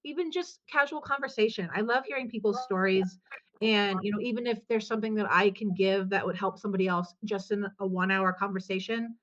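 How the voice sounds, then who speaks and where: A woman's voice: mid-range voice, brisk, a bit bright, highs cut off. A woman guest, a business coach, talking in a casual podcast chat with an upbeat, emphatic, motivational manner.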